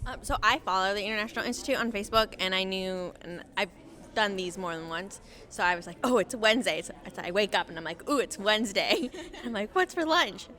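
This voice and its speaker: A woman at a lunch event chats animatedly, acting out her own quoted words. Her voice is bright and sharp. The field recording has a long, echoing reverb. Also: mid-range voice, brisk. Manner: chatty, animated, quotes herself. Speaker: event guest.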